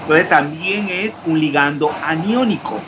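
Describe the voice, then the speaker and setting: A man's voice: a little high, unhurried. Man lecturing chemistry, noisy background. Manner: questioning, repeats terms, spells out formulas. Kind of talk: online class lecture.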